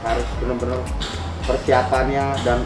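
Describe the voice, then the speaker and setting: A man's voice: medium pitch, flat delivery, normal speed. A man with an Indonesian accent, a coach answering interview questions casually in short, informal phrases. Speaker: basketball coach, interview guest. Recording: roomy, distant mic, music behind.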